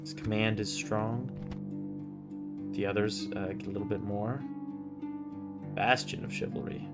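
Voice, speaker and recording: A man with a slightly deep voice talks casually through his gameplay. He comments as a player would, with music clearly audible behind him. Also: fairly even intonation, unhurried. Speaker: video game player and commentator.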